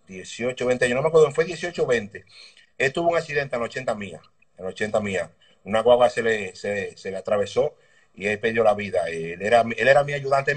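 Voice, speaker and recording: A man with a Dominican accent, a mechanic telling stories from his past in a relaxed, rambling way in an interview over a video call. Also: medium pitch. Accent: Dominican Spanish. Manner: relaxed, rambling anecdotes with slang. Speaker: guest, motorbike mechanic. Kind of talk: casual interview storytelling. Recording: distant video call audio.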